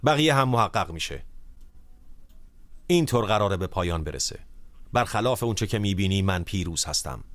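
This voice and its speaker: A man preaching a sermon in an earnest, emphatic way, slowing down when he reads scripture. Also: lowish voice, dry recording.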